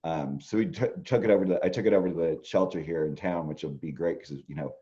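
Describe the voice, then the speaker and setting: A man's voice: low voice, quick pace, warm tone, muffled recording. A middle-aged man, an astrologer, talking casually and rambling with many fillers. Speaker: astrologer co-host. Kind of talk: casual conversation.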